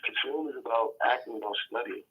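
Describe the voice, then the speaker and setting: A New York actor, interviewed as a guest over the phone, talks casually in a mid-range voice that is fast and sharp in tone. He rambles and restarts often, and the phone-line audio carries slight background noise.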